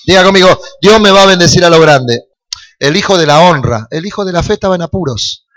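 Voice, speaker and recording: Un pastor argentino con acento rioplatense que predica un sermón, hace preguntas al público y sube a gritos en las exhortaciones. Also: male voice, high voice, expressive, brisk. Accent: Rioplatense Spanish. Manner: preaching with rising, shouting calls to the congregation; jokes and asks the crowd questions. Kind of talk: sermon.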